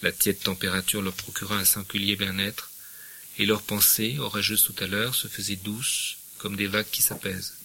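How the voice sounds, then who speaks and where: A man's voice: on the low side, normal speed, creaky, slight background noise. A middle-aged man giving a literature lecture, reading passages expressively and adding hesitant remarks. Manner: expressive reading, hesitant fillers when commenting.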